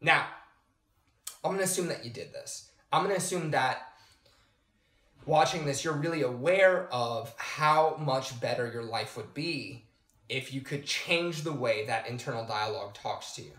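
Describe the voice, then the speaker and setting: A man giving a calm, explanatory coaching lesson to camera, checking in with the viewer as he goes. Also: mid-range voice, unhurried. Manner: calm, explanatory, addresses the viewer directly with "okay?". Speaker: personal development coach. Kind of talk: instructional talk to camera. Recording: roomy echo.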